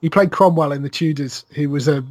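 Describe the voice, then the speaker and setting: A man's voice: on the high side, fairly quick. A man in casual chat reviewing a TV series, agreeing often and listing details at length. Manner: affirming with frequent "yeah", lists facts at length. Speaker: podcast co-host.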